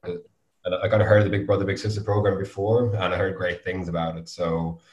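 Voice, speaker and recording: A man's voice: low voice, flat delivery, brisk, a little mellow. A man with a west of Ireland accent chatting casually as an interview guest, loosely phrased and full of filler phrases. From Galway, west of Ireland. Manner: hesitant, frequent 'you know' and 'kind of' hedging. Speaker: guest, volunteer youth mentor. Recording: roomy, echoey sound.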